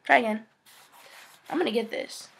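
A woman's voice: fairly high pitch, moderate pace, vocal fry, background noise. A young woman in her teens making a casual home vlog, chatty and frustrated, swearing often. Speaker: vlogger.

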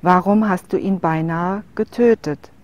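A woman voicing a grieving woman in a storybook tale who defends her wolf, speaking quietly and with hurt. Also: fairly low pitch, unhurried, highs cut off, natural voice. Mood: defiant.

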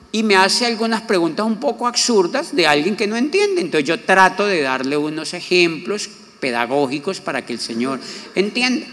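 A man giving a motivational conference talk, telling an anecdote and acting out the other people's voices. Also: high-pitched. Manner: animated, acts out quoted voices. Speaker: motivational speaker. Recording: long hall reverb.

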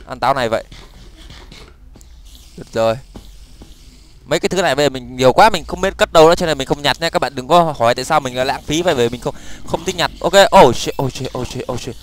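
A young man giving excitable let's-play commentary, with quick stammered repeats and sudden exclamations while he plays. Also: a little high. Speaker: gaming YouTuber.

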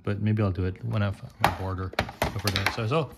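A low, steady, fairly quick voice gives casual hands-on commentary for a gadget teardown video, rambling, wry and mildly profane. The room is noisy, with tools clicking nearby.

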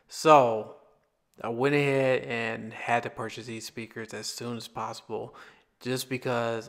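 Male vlogger, mid-pitched, casual rambling product review with frequent restarts. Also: a bit bright. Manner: rambling, repeats himself, restarts phrases. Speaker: tech reviewer.

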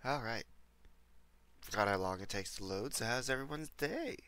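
A man's voice: mid-range voice, animated, moderate pace, sharp tone, dry recording. A young man recovering from a cold, rambling casually to his viewers while streaming a game from a desk mic. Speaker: livestreamer. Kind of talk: casual gameplay commentary.

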